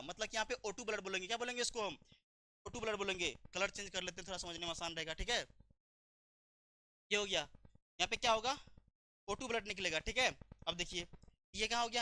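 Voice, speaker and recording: A man's voice: sits high, pushed and bright, no room sound. A man teaching a biology lecture, asking his own questions and answering them, repeating key terms.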